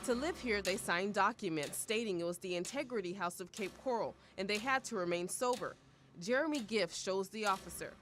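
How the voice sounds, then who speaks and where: A woman TV news reporter voices the narration of a news package. Her delivery is measured and clear, and her pitch sits at an ordinary middle height for a woman. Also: fairly bright tone, a little hiss or hum.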